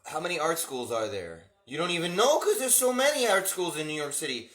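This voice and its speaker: A man's voice: on the high side, big pitch swings, brisk, a bit bright. A man rambling wryly in a monologue, as if talking to himself. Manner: wry, rambling, talks to himself. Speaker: vlogger. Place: room indoors. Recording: roomy echo.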